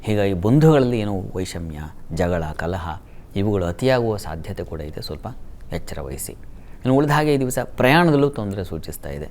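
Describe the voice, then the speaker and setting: Low-voiced astrologer, hushed sentence endings. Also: male voice, lively intonation. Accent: Kannada. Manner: chants Sanskrit verses slowly, drops to a soft hush at the end of sentences. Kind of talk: daily horoscope reading.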